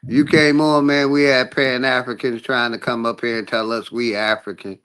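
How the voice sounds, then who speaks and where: A man's voice: mid-range voice, little pitch movement, moderate pace, fairly bright tone, clear, resonant tone. A man in his sixties in a casual panel talk, rambling and hesitant with many fillers. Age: 60s.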